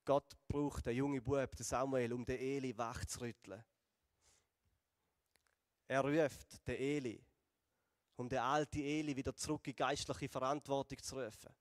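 A man's voice: mid-range voice, studio quality. Man, Swiss German accent, sermon, storytelling, long reverb from the church hall. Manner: lively storytelling, slowing and dropping softer for emphasis. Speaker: pastor. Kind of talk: sermon retelling a Bible story.

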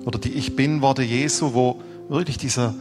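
A man preaching a sermon earnestly, rising for emphasis and dropping to hushed, dramatic lines. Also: mid-range voice, steady tone, moderate pace, in a large hall, music in the background. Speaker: pastor.

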